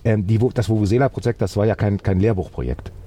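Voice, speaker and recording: A man telling a story as an interview guest, halting with many fillers and restarts, but upbeat. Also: lowish voice, mellow.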